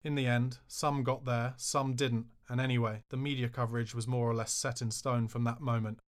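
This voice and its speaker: A man's voice: medium pitch, little pitch movement, normal speed. A man reading his own memoir aloud in a wry, self-mocking way, bursting into raised outbursts when he quotes himself. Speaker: author narrating his memoir. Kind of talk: memoir audiobook narration.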